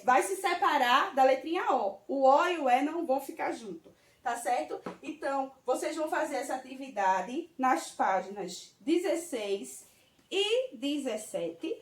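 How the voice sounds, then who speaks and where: Brazilian Portuguese woman teacher, slow and patient with kids, in a roomy space away from the mic. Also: sits high. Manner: slow, patient, checks in with "tá certo?". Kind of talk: children's grammar lesson. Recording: roomy, from a distance.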